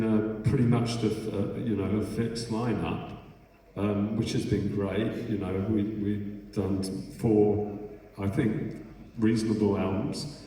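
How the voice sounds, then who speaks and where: Middle-aged musician, loose rambling storyteller, boomy hall, distant mic. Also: male voice, dark tone. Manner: rambling, swearing, full of restarts. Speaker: bass player telling stories on stage. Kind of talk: casual onstage anecdote. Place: festival hall. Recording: echoey hall, from far off.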